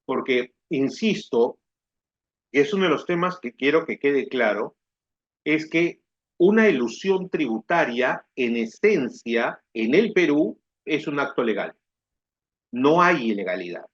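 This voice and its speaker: A man's voice: medium pitch, animated, a little slow, highs cut off. A man giving a recorded tax lecture, explaining step by step and checking that his students follow. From Peru. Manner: explanatory, repeats "¿ya?" to check understanding. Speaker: tax instructor.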